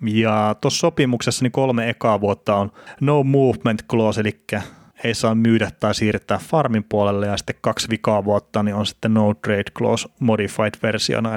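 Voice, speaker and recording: Low-voiced man, dry close sound. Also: dry recording. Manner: relaxed storytelling with frequent fillers. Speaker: podcast host. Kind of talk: casual hockey chat.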